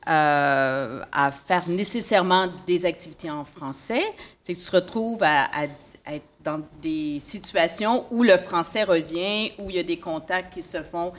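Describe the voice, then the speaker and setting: A woman's voice: fairly low pitch, unhurried. Hesitant woman moderating a panel. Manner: hesitant, repeating words.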